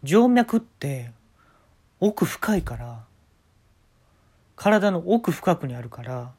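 A young man with a Kansai accent hosting a casual talk show, telling absurd stories deadpan with sudden leaps in pitch. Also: slow, breathy edge. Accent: Kansai Japanese. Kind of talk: casual storytelling monologue.

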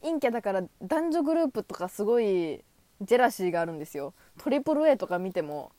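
A young woman in her twenties rambles alone into a close mic, her voice swooping up and down as she acts out little imagined exchanges. She laughs at herself often and keeps an excited, self-mocking energy. The sound is dry, with no room echo. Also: fast. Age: 20s. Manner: animated, high-energy, acts out imagined dialogue; self-deprecating, giggly. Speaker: solo talk podcaster. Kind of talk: casual solo monologue.

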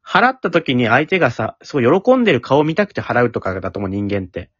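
Male co-host, lively husky chat, dull dry home mic. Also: medium pitch, quick pace, no room sound. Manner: stammering, repeating worried questions. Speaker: podcast co-host. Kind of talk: casual chat between friends.

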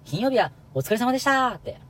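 A young man co-hosting a casual chat podcast, talking fast with playful, chatty banter. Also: very high-pitched, very animated, a bit bright. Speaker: podcast co-host. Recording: faint background noise.

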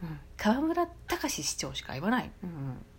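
A woman with a Nagoya accent chats casually on her solo podcast, her pitch bouncing lively up and down. She drops in frequent soft fillers and sounds amused. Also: normal speed, breathy edge. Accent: Nagoya dialect. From Nagoya, Japan. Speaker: podcast host.

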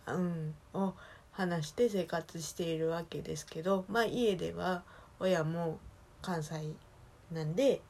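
A woman from Osaka with a soft Kansai accent talks on her own in a chatty, meandering way. Her voice sits a little low, and she stops and corrects herself now and then. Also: a little slow, gravelly. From Osaka, Japan. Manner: chatty, rambling, self-correcting. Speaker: solo podcast talker. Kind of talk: casual solo chat.

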